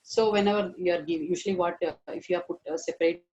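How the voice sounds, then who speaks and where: A man's voice: sits high, steady tone, fast talker, darkish tone, lo-fi sound. A man giving an online veterinary lecture, hesitant with many fillers and stressing key words.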